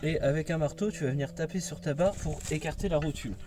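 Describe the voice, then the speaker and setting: A man's voice: a little high, fast talker, noisy background. Casual man explaining car repair. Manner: informal, slangy, addresses viewer as "tu". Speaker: car mechanic tutorial host.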